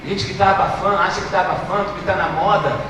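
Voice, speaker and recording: Brazilian pastor, pretty high voice, preaching from far off the mic, booming hall. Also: male voice, fairly even intonation, fast. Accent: Brazilian Portuguese. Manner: impassioned, swings from hushed storytelling to shouting. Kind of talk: sermon. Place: church service. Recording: echoey hall from far off, noisy.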